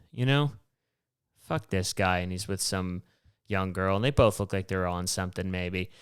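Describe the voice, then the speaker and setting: A man's voice: on the low side, fairly bright tone, clean tone, dry recording, studio quality. Rambling, profane podcast host, a man. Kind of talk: casual solo storytelling.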